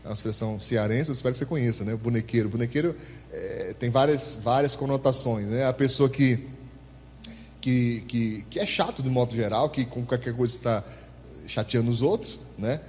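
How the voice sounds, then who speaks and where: A pastor, preaching a sermon in church and calling on the congregation to answer him. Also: male voice, mid-range voice, brisk, a little hiss or hum. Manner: animated, asks the congregation to respond. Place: church hall. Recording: echoey church hall.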